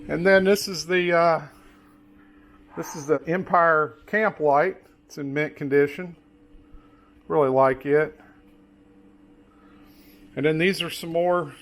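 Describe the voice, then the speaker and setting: A man giving a casual, unscripted show-and-tell tour as a hobbyist, pointing things out item by item in a halting way. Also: a little high, a bit bright.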